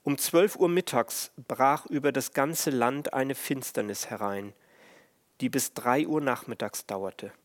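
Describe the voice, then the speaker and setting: Male preacher, slow solemn sermon delivery, even middle voice. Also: mid-range voice. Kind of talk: sermon on the stations of the cross.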